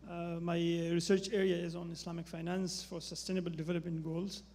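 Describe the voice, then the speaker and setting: A man asking a halting question from the floor at a panel, with many pauses. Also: sits high, flat delivery, a little mellow. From Afghanistan. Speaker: audience member asking a question. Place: conference hall. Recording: long reverb in a conference hall.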